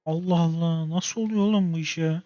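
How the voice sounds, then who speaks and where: A young man with a slightly high voice mutters and rants through his gameplay and keeps getting exasperated at it. The sound is dry and close, with a dull, muffled top end. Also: steady tone, brisk, mellow, no echo. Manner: exasperated, talks to himself and the game with slangy outbursts. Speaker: gaming channel host. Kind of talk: casual gameplay commentary.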